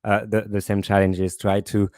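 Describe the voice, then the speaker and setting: Low flat man with a French accent. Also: no room sound, clean studio sound. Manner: halting questions, restarts. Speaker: panel moderator. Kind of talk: online panel discussion.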